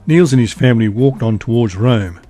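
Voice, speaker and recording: A man narrating a bedtime story in a calm, even reading voice. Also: medium pitch, brisk, soft background music.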